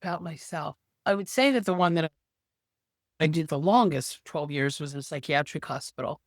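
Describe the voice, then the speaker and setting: A woman's voice: low-pitched, moderate pace, dry recording, studio quality. A woman in her sixties, a therapist and guest, telling stories in a casual, emphatic interview conversation. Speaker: podcast guest, social worker and therapist.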